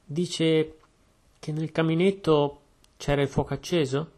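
A man voicing a shrewd, calm Belgian detective who speaks in a measured, deliberate way. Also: fairly high pitch, pitched above the performer's own voice. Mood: calm, probing.

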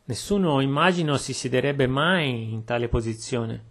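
A man voicing a shrewd, calm Belgian detective who speaks in a measured, deliberate way. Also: mid-range voice. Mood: calm, probing.

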